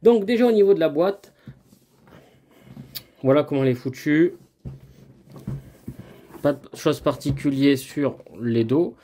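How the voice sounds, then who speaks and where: Guy doing a board game unboxing, kinda higher voice, mellow, lots of euh's. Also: unhurried, long pauses, a little hiss or hum. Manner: chatty, many fillers and restarts. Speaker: board game channel host. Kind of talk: casual unboxing talk. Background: lawn mower and brush cutter nearby.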